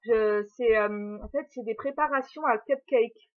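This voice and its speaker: A woman's voice: on the high side, unhurried, a little hiss or hum. A young woman chatting casually and giggling through a haul video at home, filling her talk with little hesitations and talking to her puppy. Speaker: vlogger. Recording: dull lo-fi sound.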